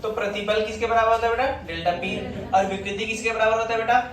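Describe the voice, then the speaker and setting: A high-voiced man lectures on physics in a classroom. He quizzes his students and teases them between points. The sound is distant and strongly echoing, with the chatter of a room full of students behind him. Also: fairly even intonation, fast talker. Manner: teasing, quizzing students constantly. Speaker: physics teacher. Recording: echoey classroom from far off, students murmuring.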